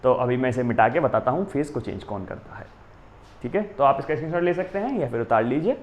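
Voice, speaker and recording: A man with an Indian accent teaching a physics coaching class at a board. He stops often to ask "है ना?" and reads definitions out slowly, word by word. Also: mid-range voice, animated, lo-fi sound. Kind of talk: exam coaching lecture at a board.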